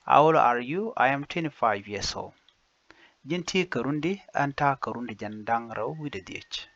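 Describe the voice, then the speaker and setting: A man teaching basic phrases, saying each one slowly and repeating it in two languages. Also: mid-range voice, expressive, fairly bright tone, dry recording. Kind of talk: slow phrase-by-phrase language lesson. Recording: dull lo-fi dry recording.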